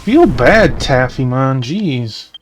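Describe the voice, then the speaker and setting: A man's voice: medium pitch, very animated, slow, noisy background. A man casually commenting on a video game as he plays, chatting and reading the subtitles aloud. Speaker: let's play host. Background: game music.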